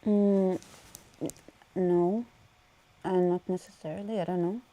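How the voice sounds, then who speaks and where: A woman's voice: medium pitch, steady tone, measured pace, dark tone. A woman with an Israeli accent hosting a casual livestream, chatting, laughing often and reading viewer comments aloud. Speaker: livestream host.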